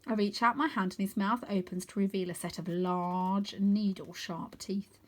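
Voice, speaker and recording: Here a female storybook reader brings a children's story to life expressively, speaking at an ordinary speed with a medium pitch.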